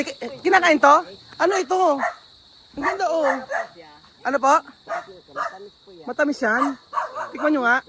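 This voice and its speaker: Female travel vlogger, high, excited, talks to camera outdoors, noisy phone audio. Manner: excited, exclaiming, addresses viewers directly. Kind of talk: casual travel vlog. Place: outdoors in the countryside.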